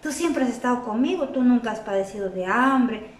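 A tender, loving old father in a children's Bible story pleads softly with his son, as a woman puts him on. The voice sits high and carries through an echoey room from some distance. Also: expressive, a little fast, lightly acted. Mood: gentle pleading. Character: grieving loving elderly father.

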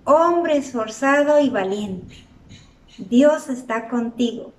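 A woman voicing a calm male angel messenger who speaks slowly and reassuringly in a children's story. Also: sits high, far from the mic. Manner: slow, measured, reassuring. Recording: roomy echo, from off the mic.

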